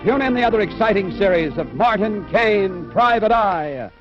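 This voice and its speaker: A man's voice: sits high, lively intonation, moderate pace. An American man reading sponsor credits in the style of a 1950s old radio announcer. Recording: dull vintage broadcast, loud organ music. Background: organ music.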